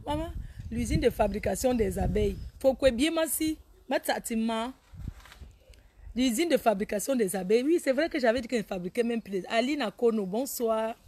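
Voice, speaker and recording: A woman hosts a casual live stream, reading viewers' names aloud. Her voice sits a little high, and her talk is lively and teasing. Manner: animated, teasing, laughs often, scolds viewers. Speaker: Facebook live host.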